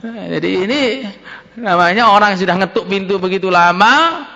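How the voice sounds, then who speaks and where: High-voiced male preacher, humorous storyteller. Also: expressive, normal speed, creaky, bright, forceful tone. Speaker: preacher teaching from a religious text. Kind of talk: sermon. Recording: reverberant, dull lo-fi sound.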